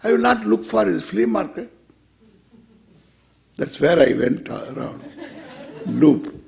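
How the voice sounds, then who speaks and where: A male Indian swami speaks in a very creaky, crackling voice that sits high for a man and swings widely in pitch. He teaches informally with an Indian English accent, putting questions to his listeners and answering them himself with wry, playful humor. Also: very animated, slow pace, darkish tone. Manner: rhetorical question-and-answer, repeats phrases for emphasis. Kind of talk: informal spiritual discourse to a live audience.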